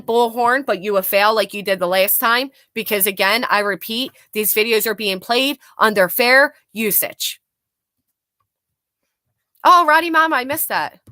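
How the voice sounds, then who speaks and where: Bright and forceful, this woman's voice sits on the high side and carries no echo. She's a blunt live-stream host giving sarcastic commentary on clips, reading chat and talking with viewers, with plenty of swearing.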